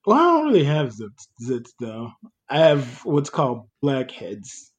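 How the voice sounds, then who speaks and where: A man's voice: mid-range voice, sing-song, a little slow. Laid-back man co-hosting a podcast. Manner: laid-back, laughs often, trails off with fillers. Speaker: podcast co-host. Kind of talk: casual chat.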